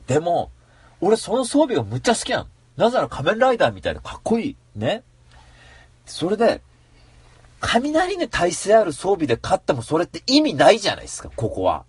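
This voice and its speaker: A man in a casual solo monologue who tells his story with animated mock rants. His voice is strongly husky and sits a little high for a man, and his pitch leaps up and down. The sound is dry and close. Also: brisk, dry recording.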